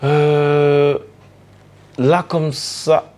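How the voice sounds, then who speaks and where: A man from the French Caribbean, a DJ and artist telling stories in a relaxed interview, with many fillers and restarts. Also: a little high, very slow. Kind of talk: casual storytelling interview.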